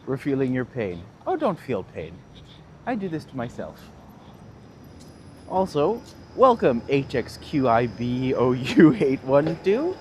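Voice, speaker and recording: A man in his thirties with a Northern Ontario accent live-streams a walk down a city street, chatting with viewers and laughing as he answers them, like a tour guide. His medium-pitched voice swoops wildly in pitch, with a slow pace and a darkish tone. Faint traffic hums behind him.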